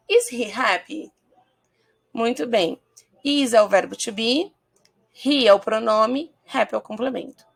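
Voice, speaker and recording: Gravelly-voiced Brazilian woman teaching English. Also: on the high side. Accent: Brazilian Portuguese. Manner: patient, checks in often with listeners; slows down to model English phrases. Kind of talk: recorded video lesson.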